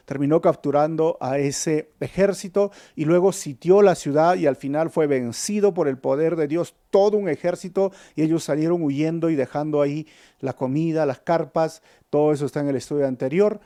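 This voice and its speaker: A man's voice: fairly high pitch, normal speed, warm tone. A man, a pastor teaching a Bible study in an earnest storytelling manner, calling his listeners brothers.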